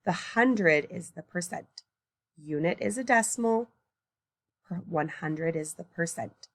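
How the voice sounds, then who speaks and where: In a recorded math lesson, a tired woman talks through problems early in the morning, thinking aloud and correcting her errors. Her voice is lowish, with lively intonation and an unhurried pace.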